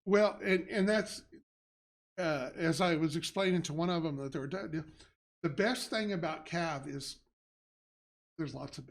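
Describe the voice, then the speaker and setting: A man's voice: fairly high pitch, slightly rough. A man hosting a casual live stream, rambling through answers with restarts and fillers. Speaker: game company head and show host. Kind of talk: casual livestream chat.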